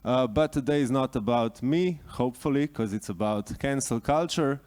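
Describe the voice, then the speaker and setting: A man from Slovenia moderating a conference panel in a relaxed, informal way, with frequent fillers. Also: mid-range voice, moderate pace. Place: conference stage.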